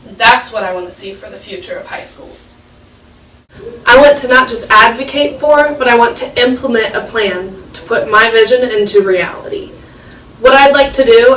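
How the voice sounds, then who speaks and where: An earnest teenage girl with a fairly high voice gives a persuasive speech and drives her points home with repetition. She is recorded from a distance in an echoey room with faint noise behind her. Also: fairly bright tone. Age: late teens. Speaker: high school student speaker. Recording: echoey room, mic far off.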